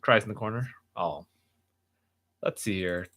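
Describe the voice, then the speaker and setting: A man's voice: lowish voice, unhurried, pushed and bright. A young man hosting a casual livestream chat, talking earnestly and rambling with many fillers and restarts. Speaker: livestream host.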